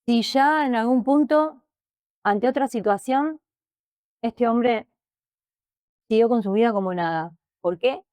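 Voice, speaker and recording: Halting Rioplatense woman telling her story. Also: on the high side, a little mellow, no echo, clean studio sound. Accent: Rioplatense Spanish. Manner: emotional, halting, repeats words while recounting. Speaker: interview guest. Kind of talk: personal testimony in conversation.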